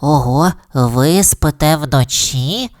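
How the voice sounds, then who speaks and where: A woman voicing a friendly, gentle young girl bat in a children's audio storybook, soft and slow with wonder. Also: deep voice, no echo, clean studio sound. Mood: curious.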